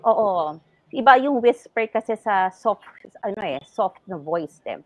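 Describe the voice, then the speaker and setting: A woman's voice: medium pitch, lively intonation, a little slow, no echo. A woman ENT doctor, a guest on a health talk show, explaining things patiently in a mix of English and Tagalog.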